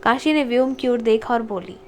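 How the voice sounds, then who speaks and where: A woman narrating a romantic audiobook in a steady storytelling manner. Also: a little high, fairly quick, a little hiss or hum. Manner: steady storytelling, reads dialogue tags.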